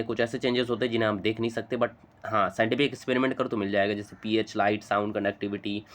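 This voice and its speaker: Male teacher, quick chatty explainer who keeps checking in with the class. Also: medium pitch. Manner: fast, chatty, coaxing with frequent "theek hai" and "bhai". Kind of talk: chalk-talk chemistry lesson.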